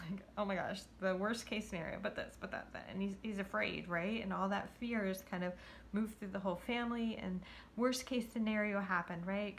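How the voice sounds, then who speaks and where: A woman giving a gentle, intuitive tarot card reading to viewers, talking in a halting way with many fillers and restarts, sometimes dropping to a whisper. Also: mid-range voice, slight background noise.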